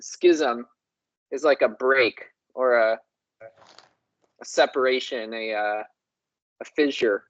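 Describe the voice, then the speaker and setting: A language show host who muses slowly and says words aloud to compare how they sound. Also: medium pitch, dull audio. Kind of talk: slow, exploratory discussion of word sounds.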